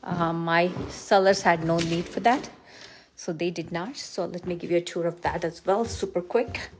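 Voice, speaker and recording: With background noise in the recording from her handheld phone, a middle-aged real estate agent walks indoors through a house. Her fairly low voice keeps an even intonation and a moderate pace as she casually, without a script, speaks warmly of what she shows.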